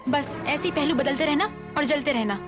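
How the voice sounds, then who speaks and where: An actress plays a proud, jealous young woman who speaks in a teasing, reproachful way in a high voice. The sound is dull and lo-fi, with loud film music behind her. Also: a little fast, natural voice.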